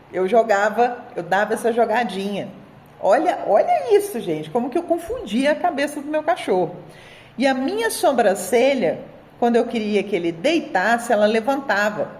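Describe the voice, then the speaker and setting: A woman in her thirties with a Brazilian Portuguese accent, a dog trainer presenting an article in a chatty, animated storytelling way, talking straight to her viewers. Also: a little high. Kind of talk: casual video presentation of an article.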